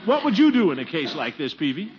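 A plump, pompous, put-upon family man in an old radio comedy. His fairly high voice swoops theatrically as he grumbles, over a noisy vintage broadcast. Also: very animated, quick pace, lo-fi sound, a loud crowd. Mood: eager, scheming. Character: plump, pompous, put-upon middle-aged male head of household. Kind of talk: 1940s radio comedy acting.

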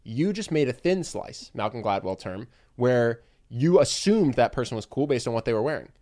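A man's voice: medium pitch, lively intonation, moderate pace, darkish tone. A young man co-hosting a podcast, giving direct and emphatic advice in casual chat. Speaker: podcast co-host.

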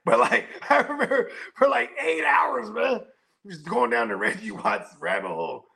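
Bright, gravelly-voiced man chatting. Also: extremely high pitch, wildly swooping pitch, moderate pace. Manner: slangy, laughing storytelling. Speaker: podcast co-host. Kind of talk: casual chat.

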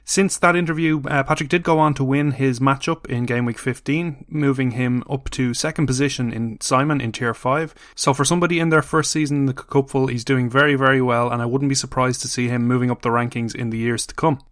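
Irish male podcast host, mid-pitch, dry close mic, talks with fillers and restarts. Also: steady tone, fairly quick, hardly any pauses, fairly bright tone, no room sound. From Ireland. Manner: hesitant, many ums and restarts. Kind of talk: casual chat and stats rundown.

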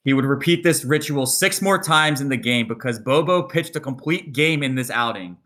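Guy on a podcast spinning a yarn, bright forceful voice, does little voices for quotes. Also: medium pitch, normal speed. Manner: animated storyteller, acts out quotes. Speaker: podcast co-host. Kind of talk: casual storytelling chat.

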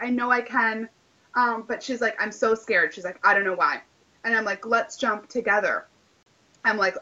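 Woman, late 20s, casual storyteller, crisp bright voice, acts out the dialogue, slightly muffled recording. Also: fairly high pitch. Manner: chatty, lots of "like", acts out quoted dialogue.

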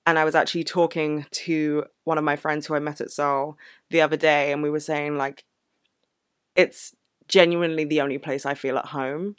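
A woman's voice: deep voice, flat delivery, moderate pace, smooth, dry recording, studio quality. A woman vlogger telling a personal story in a candid, earnest, casual way. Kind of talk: casual reflective Q&A vlog.

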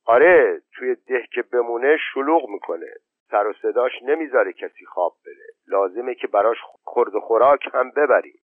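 A man's voice: medium pitch, expressive, dry recording, voice pushed up, natural voice. A man playing a decisive village man giving orders. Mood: firm. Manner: firm, giving instructions. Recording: tinny phone-like narrow band.

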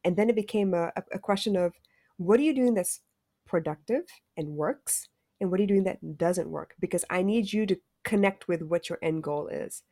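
Middle-aged woman guest, candid storyteller, lowish voice, dry close sound. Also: moderate pace, dark tone, no room sound. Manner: frank and reflective, occasional cursing. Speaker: podcast guest, stepmother. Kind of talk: candid storytelling about parenting.

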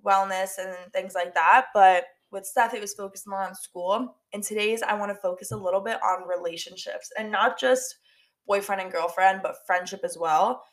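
A woman's voice: medium pitch, moderate pace. A young woman hosting a casual solo podcast, talking in a chatty way full of "like" and repeated words, her voice stuffy and nasal from allergies. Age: young adult. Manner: chatty, filler-heavy with lots of "like" and repeats. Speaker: podcast host.

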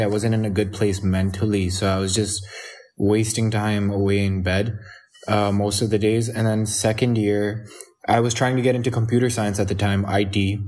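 A man's voice: on the low side, a little mellow. A young man, talking candidly and casually with slang and bits of Hindi-Urdu. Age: young adult. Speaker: podcast guest, musician. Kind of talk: casual chat mixing English with some Hindi-Urdu.

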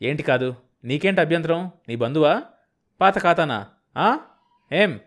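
A man's voice: a little high, animated, normal speed, close to an everyday voice. A man voicing a coarse, short-tempered senior police officer who barks sneering questions. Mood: angry.

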